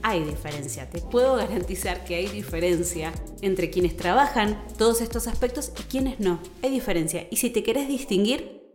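A woman radio announcer with an Argentine accent, giving advice on a podcast in a measured, emphatic, teacherly way. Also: mid-range voice, a little mellow. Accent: Argentine Spanish. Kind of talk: instructional podcast talk. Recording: roomy echo with faint music.

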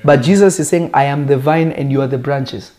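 A native Lingala-speaking man preaches in a conversational, teaching manner, using emphatic, deliberate phrasing and rhetorical questions. His voice is medium in pitch and mellow.

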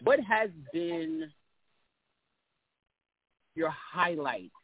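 A man hosting a relaxed interview chat, his voice sitting a bit high. He rambles, circles back and restarts his sentences. The sound comes through a thin, phone-like line. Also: extremely slow, vocal fry. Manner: rambling, many restarts and fillers. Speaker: host.

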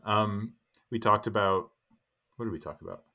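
A man's voice: fairly low pitch, normal speed, sharp tone. A young man co-hosting a podcast, chatting casually about a film with lots of fillers and restarts. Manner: rambling, many fillers and restarts. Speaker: podcast co-host.

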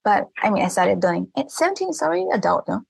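A Thai woman in her thirties, a native Thai speaker and language teacher, talks as a guest in a casual interview with a husky, mid-range, sing-song voice at a fast pace. She's earnest, laughs often, and restarts phrases, and there's no room sound.

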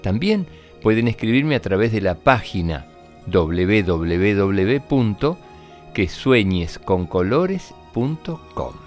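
A man tells stories to young children in a low voice with big melodic swings. He takes his time and addresses his listeners expressively. Faint music plays behind him. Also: big pitch swings, slow pace. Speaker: children's storyteller and show host. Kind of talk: scripted storytelling for children. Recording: roomy echo, music behind.

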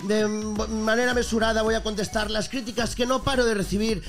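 A man's voice: sits high, steady tone, fairly quick, a bit bright. A male comedian improvising a bit, rambling and stammering playfully. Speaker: comedian guest.

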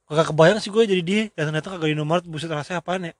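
High-voiced joking podcast guy. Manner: slangy, joking, quick back-and-forth. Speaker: podcast co-host. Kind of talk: casual chat.

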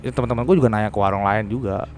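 A man from Central Java telling a ghost story in casual chat, animated and acting out what people said. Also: fairly low pitch, rapid-fire, slight background noise. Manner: animated, acts out quoted lines.

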